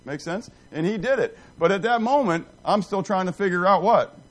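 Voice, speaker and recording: A middle-aged Bible teacher with a high-sitting voice talks at a moderate pace, rambling animatedly and making self-deprecating cracks while he quizzes and jokes with his class.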